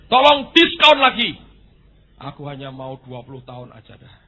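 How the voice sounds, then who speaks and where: A man's voice: mid-range voice, flat delivery, brisk, a little mellow, voice pushed down, natural voice. A man voicing a humble male dog who begs politely for fewer years. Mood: pleading. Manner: polite, pleading. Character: humble male dog pleading for less work. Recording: tinny phone-like sound.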